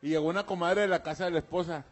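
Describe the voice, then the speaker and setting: A man co-hosting a radio comedy show, loud and slangy, laughing easily as he tells jokes. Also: high voice, racing. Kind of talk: joking banter and joke telling.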